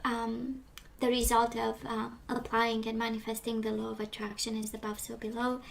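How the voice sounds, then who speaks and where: A woman's voice: on the high side, completely flat delivery, moderate pace, creaky. A woman giving a casual tarot reading, losing her voice and talking with many hesitations and restarts. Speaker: tarot reader. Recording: noticeable background noise.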